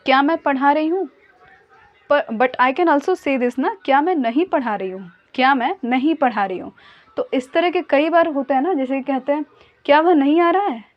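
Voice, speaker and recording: High-voiced woman teaching English grammar. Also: muffled recording. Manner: patient and explanatory, repeats example sentences slowly. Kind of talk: Hindi-language English grammar lesson.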